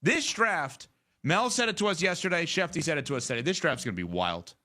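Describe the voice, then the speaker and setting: A male sports talk host with a bright, forceful voice that sits somewhat high. He thinks out loud in quick, animated runs as he walks through scenarios. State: out of breath. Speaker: show host. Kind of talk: sports talk show discussion.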